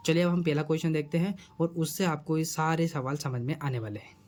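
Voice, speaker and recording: Quick-talking male math teacher. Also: fairly high pitch, steady tone, a little mellow, slight background noise. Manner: repeats questions to the students, coaxing. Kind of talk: whiteboard math lesson.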